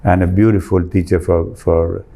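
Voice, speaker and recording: Argentine man, low and mellow. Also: level tone, normal speed, vocal fry. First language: Spanish. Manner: earnest, searching for words, rephrasing. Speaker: architect guest. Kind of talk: interview answers.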